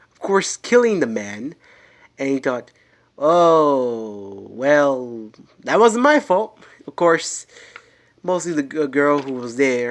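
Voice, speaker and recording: A man's voice: medium pitch, a bit bright. A man spins a made-up story at home in an ordinary mid-range voice. He rambles and stumbles, restarting his sentences and filling gaps as he goes. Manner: rambling, halting, many restarts and fillers. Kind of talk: improvised spoken story.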